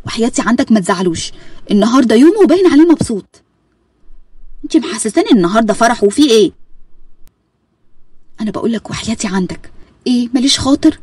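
A woman's voice: on the high side, lively intonation, quick pace, long pauses, a little mellow, breathy edge, no room sound. A woman voicing a pleading older Egyptian mother. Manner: coaxing, pleading.

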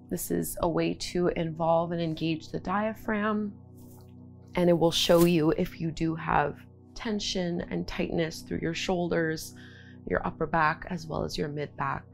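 A woman in her thirties teaching yin yoga in a soothing, gentle, instructive way. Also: on the low side, creaky. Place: indoor home studio room, seated and lying on a mat.

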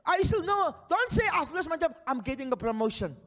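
High-pitched namibian preacher man, fiery and shouting, handheld mic on a big church stage. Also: very animated, brisk. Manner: fiery, shouting declarations and prophecies; pacing and gesturing energetically. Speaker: pastor. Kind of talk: charismatic sermon. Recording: long hall reverb.

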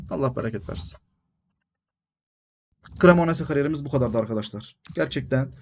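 A young man calls his own football video game play by play. His voice sits a little high, and it turns excitable and loud at goals, then sulky at the referee's calls. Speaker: gaming YouTuber.

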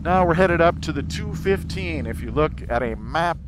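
A man's voice: a little high, expressive, normal speed. A man talking inside a helmet, casually narrating as a vlogger while he rides a motorcycle. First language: English. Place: outdoors on a motorcycle in city traffic. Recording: road, wind and vehicle noise. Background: traffic and motorcycle ride noise.

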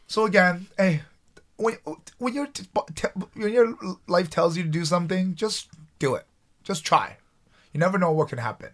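Guy from taiwan in his 40s telling war stories on a podcast, animated, keeps restarting sentences. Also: sits high, normal speed. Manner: animated, restarts often, quotes himself. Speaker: guest, former fighter. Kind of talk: casual interview storytelling.

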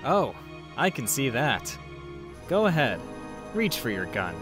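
A man's voice: mid-range voice, big pitch swings, slow, music in the background. Man playing smug, swooping cartoon raccoon thief Sly Cooper. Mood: playful, cocky.

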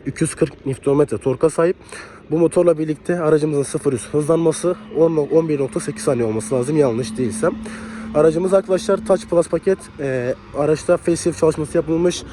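Young guy doing a car walkaround outside, bit hoarse and sick, talks fast, faint noise behind. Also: fairly high pitch, dark tone. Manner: chatty, leans on the filler "hani". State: slightly hoarse from a cold. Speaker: car reviewer. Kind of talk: casual car review walkthrough. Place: outdoors beside a car in cold weather.

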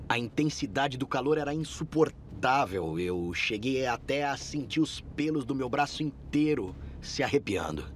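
A man with a Brazilian accent voicing an earnest sheriff's deputy in his thirties, in measured documentary interview narration. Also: medium pitch, animated, a little hiss or hum, lightly acted. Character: earnest male sheriff's deputy recounting a rescue.

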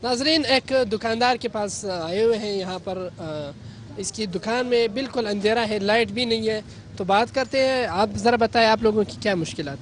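A man's voice: high voice, moderate pace, slight background noise. A man, working as a street reporter and asking passers-by formal questions, with many "uh" fillers. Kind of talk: vox pop interviewing.

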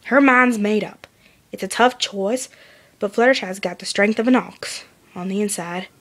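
A woman's voice: mid-range voice, normal speed, fairly bright tone, lightly acted. A woman voicing a stoic, grim, folksy female farm pony in a plain-spoken way for a story reading.

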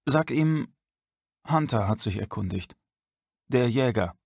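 A man voicing a cryptic, calm hunter with a muscular build and shaven head, speaking tersely and wryly in an audiobook. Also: mid-range voice, slow, no echo, clean studio sound. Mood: guarded, wry. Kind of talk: audiobook character voice.

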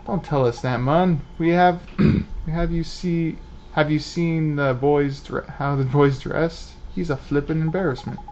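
A man's voice: a little high, steady tone, measured pace, a little mellow, dull audio, slight background noise. A man voicing a chirpy, cheeky little male fairy sidekick from a game, in slangy banter. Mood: chatty.

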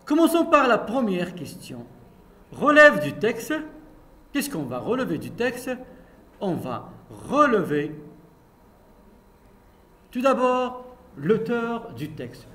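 A man's voice: high voice, big pitch swings, a bit bright. A male primary school teacher reading a story and leading a comprehension lesson with his pupils in the classroom. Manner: slow, repetitive, addresses pupils directly.

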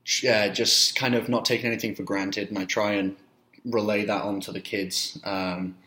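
A young man from Wales answers interview questions in a low, monotone voice, stopping often on fillers. His voice comes through a laptop webcam in a small room and carries a noticeable room echo. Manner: halting, many fillers, measured. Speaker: youth soccer coach, guest. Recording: roomy webcam audio.

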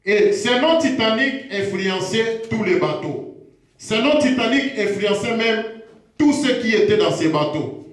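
A man preaching a teaching sermon, slow and repetitive, pausing to check himself as he goes. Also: sits high, expressive. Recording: very echoey room.

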